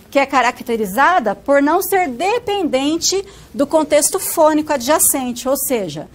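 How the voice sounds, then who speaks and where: Brazilian woman from northern paraná, fairly high voice, teaching phonetics, keeps checking in with her class. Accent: Brazilian Portuguese, northern Paraná. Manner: explanatory, frequent tag questions. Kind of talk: recorded online lecture.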